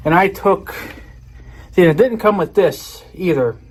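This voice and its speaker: Showing off an item in a casual unboxing video, a man talks to his viewers in a rambling way, frequently trailing off mid-sentence. His voice sits high, animated and a little slow. Clear background noise runs through the recording.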